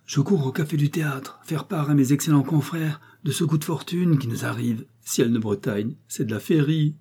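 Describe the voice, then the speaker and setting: A man reading aloud and voicing an excitable, portly middle-aged pharmacist who speaks in effusive exclamations. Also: fairly high pitch, normal speed, husky, pitched above the performer's own voice. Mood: elated.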